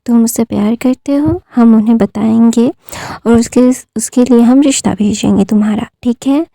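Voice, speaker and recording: A woman narrator voices a gentle uncle from a spoken fan story, talking a distraught boy down. The voice is mellow and dark, with a touch of fry, close and dry. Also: a little high, normal speed, no room sound. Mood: soothing. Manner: gentle, reassuring. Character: calm soothing older uncle.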